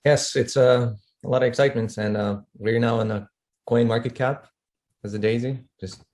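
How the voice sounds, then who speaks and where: A man chatting casually on a live broadcast, speaking haltingly and repeating phrases. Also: mid-range voice, fairly even intonation, a little mellow.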